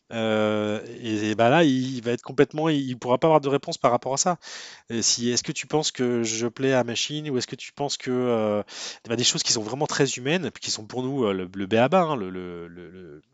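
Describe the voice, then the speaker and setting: A man's voice: on the low side, no room sound. A man giving a casual webinar lecture, talking to a student in a conversational way with many fillers and restarts.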